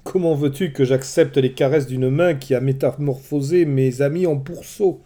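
A man voicing a proud, wary warrior hero in a storybook reading, speaking in forceful, indignant declarations. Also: medium pitch, moderate pace, lightly acted. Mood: grumbling.

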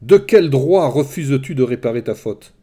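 A man voicing an angry, cunning male Greek hero who shouts forcefully in a storybook reading. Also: mid-range voice, normal speed, natural voice.

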